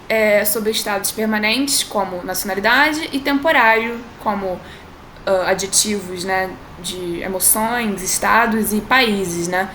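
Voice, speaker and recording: A woman teaching a language lesson in a chatty way, saying example sentences slowly and often asking whether you follow. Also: mid-range voice, fairly bright tone. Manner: chatty, drawn-out model phrases, frequent tag questions. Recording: echoey room with faint noise.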